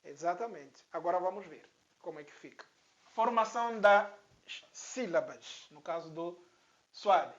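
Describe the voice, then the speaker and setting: A man's voice: high-pitched, lively intonation, measured pace, muffled recording. A man teaching a language lesson, patiently repeating syllables one at a time for learners to copy. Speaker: Arabic teacher.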